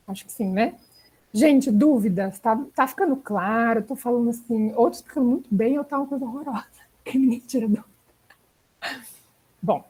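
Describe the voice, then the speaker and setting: Chatty woman teaching writing, fairly high voice. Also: a little mellow, slightly rough, low-quality recording. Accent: Brazilian Portuguese. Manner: chatty, frequent "né?" and "tá?" check-ins. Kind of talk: online class lecture.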